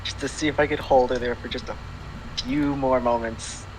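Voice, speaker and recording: A man chats at a tabletop game session in an easygoing, playful way. His voice sits at a middle pitch, and a steady hum is clearly audible behind him. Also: moderate pace, rough recording. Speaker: player. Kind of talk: casual chat at a game table.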